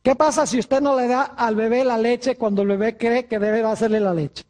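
A preacher giving a sermon, asking rhetorical questions and answering them, stretching key words slowly. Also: medium pitch, fairly even intonation, darkish tone.

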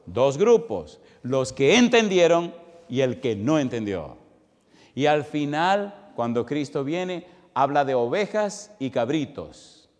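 Fiery preacher in a reverberant hall. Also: male voice, medium pitch, slow pace. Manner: animated, rhetorical questions to the congregation; storytelling with sudden swings from loud to hushed. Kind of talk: sermon.

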